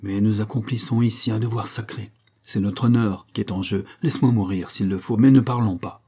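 A man's voice: fairly low pitch, fairly even intonation, fairly quick, dark tone, breathy edge. A man voicing a heroic French army captain who is proud and out of breath, defiant under torture.

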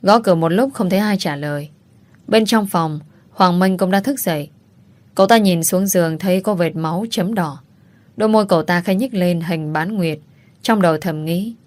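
A woman narrating a family drama audiobook in a steady, dramatic reading. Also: on the low side, moderate pace, no echo. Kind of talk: scripted storytelling narration.

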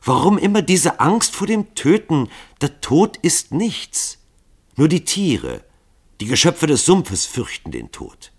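A man voicing an excitable man who exclaims in rapture. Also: a little high, takes it slowly, vocal fry, hardly any pauses, slightly rough, pitched above the performer's own voice, heavily acted. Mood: excited.

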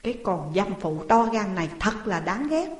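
A woman's voice: mid-range voice, sing-song, moderate pace, natural voice. A harsh, hot-tempered male magistrate barks scornful orders, as a woman narrator puts him on. The voice rings in a roomy space with a long, hanging reverb. It is a storybook reading. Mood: furious. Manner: shouting, scornful.

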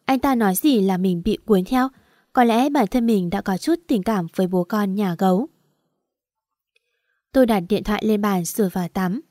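A woman's voice: medium pitch, moderate pace, dark tone, dry recording. Woman narrating a story, dry close sound.

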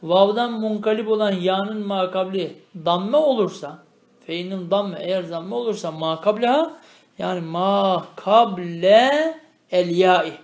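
A man teaching a traditional grammar lesson. He reads Arabic phrases slowly, explains them, and keeps asking the student questions. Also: high-pitched, reverberant. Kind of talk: traditional religious lesson, explaining a text line by line.

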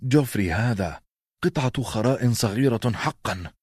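A man's voice: mid-range voice, animated, normal speed, a little mellow, breathy edge, no room sound, studio quality, pitched above the performer's own voice. A man voicing a wry, sardonic teenage boy in an audiobook. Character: dry, wry teenage bastard brother.

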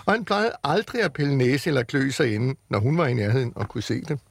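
A man's voice: mid-range voice, sing-song, gravelly, slight background noise. A man reading aloud and voicing a shy, grubby little boy pig who turns cheeky. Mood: sly.

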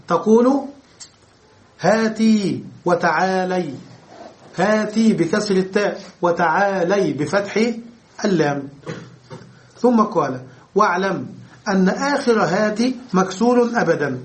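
A man teaching Arabic grammar in a lecture, explaining terms by repeating and rephrasing them and checking that students follow. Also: high voice.

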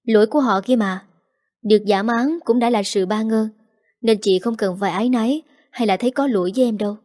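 A woman's voice: fairly high pitch, fairly quick, darkish tone, close to an everyday voice. A woman voicing an injured young man who earnestly soothes and reassures his older sister. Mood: firm.

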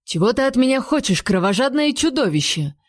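A woman's voice: high voice, very animated, fairly quick, no echo, clean studio sound, pitched above the performer's own voice. A woman voicing an exasperated male king who snaps curt commands and bursts into theatrical outrage. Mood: outraged.

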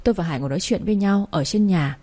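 A woman narrating a first-person audio story in a lively way, acting out the dialogue. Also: on the low side, racing.

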